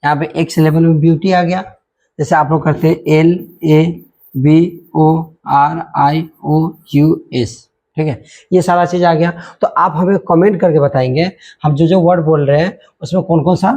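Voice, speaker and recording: A man's voice: fairly high pitch, measured pace, warm tone. A man teaching an English grammar lesson, spelling words out letter by letter and checking in often.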